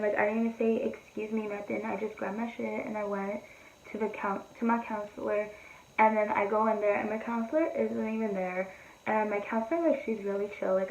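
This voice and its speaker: A woman's voice: mid-range voice, a little mellow, reverberant, lo-fi sound, slight background noise. A teenage girl vlogger telling a story while doing her makeup, casual and rambling, full of fillers and blunt swearing. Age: teens. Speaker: beauty vlogger.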